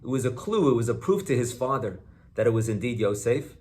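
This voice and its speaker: A man speaking as a rabbi in a sermon, earnest and questioning, posing points and explaining them with deliberate emphasis. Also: medium pitch, very animated, a little mellow. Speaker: rabbi giving a Torah talk.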